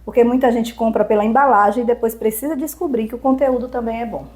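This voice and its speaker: Female speaking coach, Brazilian accent, slightly high, didactic and rhetorical. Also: fairly even intonation, fast talker, darkish tone. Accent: Brazilian Portuguese. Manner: didactic, lists points and poses rhetorical questions. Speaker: communication and public speaking trainer. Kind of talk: explanatory interview answers.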